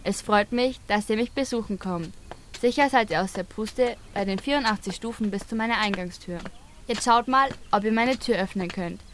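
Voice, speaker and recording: A woman's voice: medium pitch, normal speed, a little hiss or hum, close to an everyday voice. A woman playing a huge, proud memorial hall that welcomes visitors in an educational audio drama. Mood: proud, welcoming.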